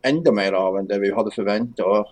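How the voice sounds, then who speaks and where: A man's voice: on the low side, a little mellow. A man with a Northern Norwegian accent, chatting casually as an interview guest. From Northern Norway. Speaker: podcast guest, game developer.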